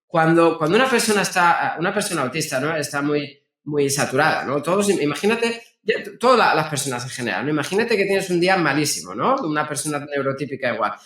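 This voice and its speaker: A man, speaking as a guest therapist in a conversational, halting way with frequent restarts. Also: fairly high pitch, animated, a bit bright. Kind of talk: conversational explaining. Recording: roomy echo.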